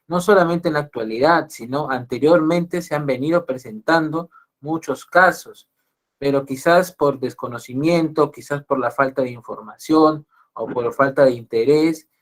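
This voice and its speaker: A Peruvian psychologist giving an online lecture to an audience, often repeating and restarting his phrases. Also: a little high. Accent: Peruvian Spanish. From Peru. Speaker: psychologist giving a webinar talk.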